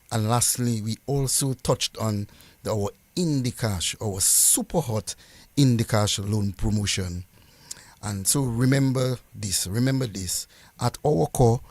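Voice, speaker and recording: A man's voice: on the low side, a little mellow, no echo. A man speaking as a company representative, giving formal, earnest closing remarks to listeners with some emphatic repetition. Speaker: credit union representative.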